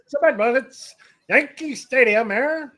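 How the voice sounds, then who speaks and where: A man putting on the voice of a 1930s newsreel announcer, high and drawn out. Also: measured pace, pushed and bright, full character voice. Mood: hammy.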